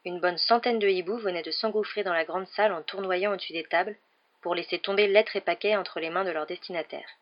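A woman hosting a night-time radio reading, narrating a novel aloud in a calm, even voice. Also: lowish voice, brisk, muffled recording. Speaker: radio reader.

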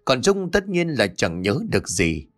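A man narrating a scripted horror story in an expressive storytelling manner. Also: lowish voice, normal speed, faint music behind.

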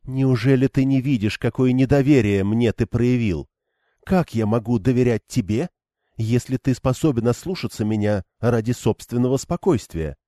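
A man's voice: mid-range voice, moderate pace, warm tone, no room sound, clean studio sound, lightly acted. A man voicing a stern young woman leader who speaks in a cold, clipped, firm way.

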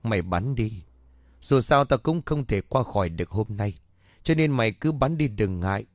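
A man's voice: on the low side, animated, moderate pace, no room sound, studio quality, lightly acted. A man voicing a badly wounded man who begs for his life and then taunts his killer in a spoken horror story. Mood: taunting. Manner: strained, taunting. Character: wounded dying man, pleading and spiteful.

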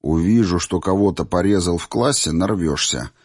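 A man voicing a firm young male class monitor who speaks with calm authority in an audiobook. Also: deep voice, normal speed, breathy edge, dry recording, studio quality.

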